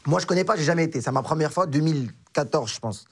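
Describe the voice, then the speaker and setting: A young man from Morocco, a comedian guest, telling a story in a casual, animated way and acting out the dialogue. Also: a little high, fast talker, husky.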